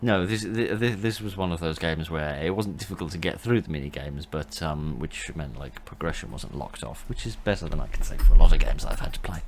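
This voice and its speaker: A man's voice: deep voice, fairly quick, hardly any pauses, noisy background. A British man giving a casual, rambling let's play commentary in a wry manner, often interrupting himself. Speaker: gamer commentating.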